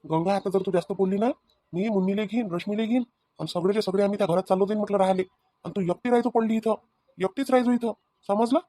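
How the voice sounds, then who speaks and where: A man's voice: high-pitched, quick pace, mellow. Man voicing an exasperated village husband. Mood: fed-up. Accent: Vidarbha Marathi. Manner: arguing, threatening. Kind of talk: cartoon family comedy.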